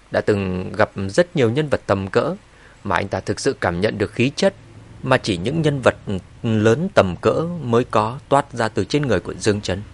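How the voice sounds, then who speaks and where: A man narrating a serialized novel in a steady storytelling read. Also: medium pitch, no room sound. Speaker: audiobook narrator.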